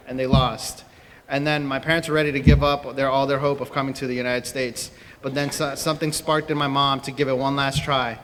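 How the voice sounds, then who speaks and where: An earnest young man from Peru tells his own story to a convention audience, pausing on fillers as he goes. His voice sits a little high and rings with a long reverb from the hall, over a faint background hiss. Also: a bit bright. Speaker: speaker at a convention. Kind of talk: personal talk to an audience. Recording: distant mic in a reverberant hall.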